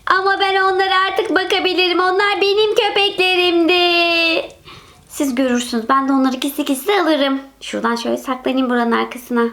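A woman doing a sneaky dog-reclaiming woman. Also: a little fast. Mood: scheming. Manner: hesitant, then scheming in low hushed tones. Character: woman reclaiming her abandoned dogs, sneaky. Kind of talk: game role-play voice.

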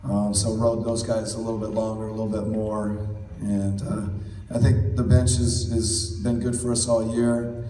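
A middle-aged man, a basketball coach, giving measured postgame press conference answers with many fillers, heard from across a press room. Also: lowish voice. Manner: measured, steady, many "you know" fillers. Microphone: table mic, recorded from far in the audience. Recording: roomy, distant, faint hall noise.

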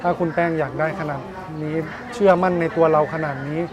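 A man's voice: fairly high pitch, fairly even intonation, fast talker, muffled recording, a crowd in the background. A man answering an interview in an earnest way.

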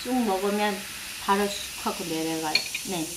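A young woman from North Korea who speaks softly in a casual chat over a meal in a living room. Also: medium pitch, fairly even intonation, normal speed, very noisy. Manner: soft-spoken, answers with short agreeing words. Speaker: North Korean defector guest. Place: living room, seated at a low table.

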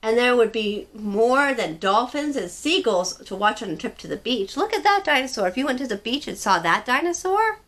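A woman's voice: a little high, big pitch swings, normal speed, hardly any pauses, a bit bright. A young woman hosting a children's story time, guiding a child through movements and reading a picture book aloud in a sing-song, encouraging way. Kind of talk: leading a kids' movement activity and reading aloud.

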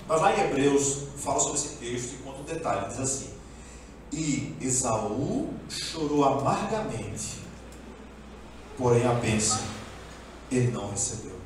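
A man preaching a sermon as pastor, telling a story with animation and acting out the voices of the characters. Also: medium pitch. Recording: echoey room, speaker far from mic, faint background noise.

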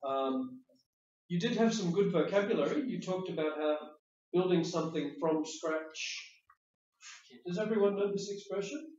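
In an echoey classroom picked up by a distant, dull mic, a man teaching IELTS speaking delivers test feedback. His voice sits high with a darkish tone and moderate pace, and he stays patient and explanatory, repeating words as he thinks.

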